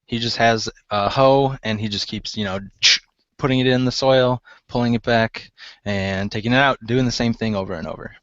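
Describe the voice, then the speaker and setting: A man's voice: medium pitch, steady tone, moderate pace, no echo, muffled recording. A man narrating as game master of a tabletop role-playing game, often laughing and hesitating with fillers.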